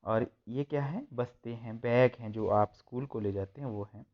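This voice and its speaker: A man's voice: mid-range voice, normal speed, muffled recording. A man teaching a school textbook lesson, reading each line and then translating and repeating it.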